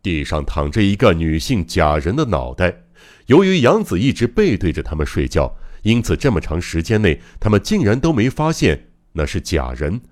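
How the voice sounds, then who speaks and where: A man's voice: low voice, sing-song, moderate pace, a little mellow. A man narrating a mystery novel as an audiobook, in a dramatic, suspenseful reading. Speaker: audiobook reader.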